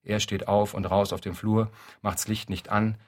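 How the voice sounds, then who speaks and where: A man reading a literary story aloud in a dry, deadpan narrating manner. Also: lowish voice, moderate pace. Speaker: reader.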